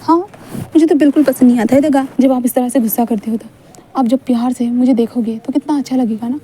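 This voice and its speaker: A woman's voice: high-pitched, fairly even intonation, quick pace, warm tone, slight background noise, close to an everyday voice. Woman voicing a teasing teenage boy. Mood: coaxing.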